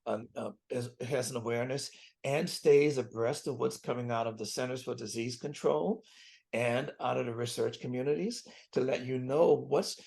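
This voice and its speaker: A physician in his seventies, appearing as a guest in an interview conversation, speaks earnestly and repeats key phrases for emphasis. His mid-range voice is creaky with a darkish tone, and he talks at a moderate pace.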